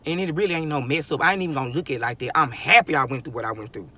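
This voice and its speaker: Rapid-fire and bright, a male vlogger in his 20s with a slightly high, forceful voice launches into a rambling motivational speech, laughing under his breath and repeatedly restarting what he's saying.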